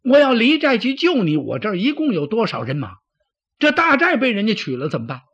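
A man voicing an indignant male general who defends himself in a husky, shrill voice. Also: wildly swooping pitch, moderate pace, heavily acted. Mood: protesting. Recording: dull lo-fi recording.

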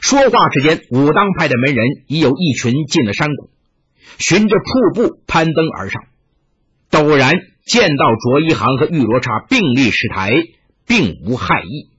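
一位男子朗读武侠小说的叙述部分，嗓音沙哑，语气富有表现力，录音音质发闷。. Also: male voice, on the high side, very animated, normal speed, fairly bright tone, husky, muffled recording. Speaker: narrator. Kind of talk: storytelling narration of a martial arts novel.

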